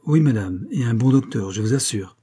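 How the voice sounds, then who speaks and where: A man's voice: on the low side, fairly even intonation, moderate pace, mellow, slightly rough. A man doing a gossipy, gullible concierge woman. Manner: gossipy, effusive.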